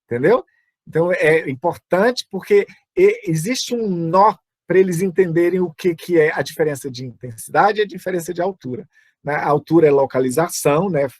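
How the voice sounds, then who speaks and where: A man's voice: fairly high pitch, moderate pace, no echo. A Brazilian Portuguese-speaking man teaching music over a video call, chatty and full of asides. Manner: chatty, lots of fillers and asides. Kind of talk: online teaching talk.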